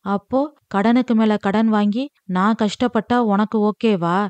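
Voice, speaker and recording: A woman voicing a grown son who bitterly protests over the family's debts, talking fast and exasperated. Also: medium pitch, steady tone, darkish tone, no echo, lightly acted.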